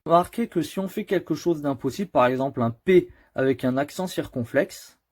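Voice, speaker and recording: A man's voice: fairly high pitch, fairly quick. A man explaining keyboard shortcuts step by step in a computer tutorial, patient and addressing the viewer directly. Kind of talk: screen-recorded keyboard tutorial.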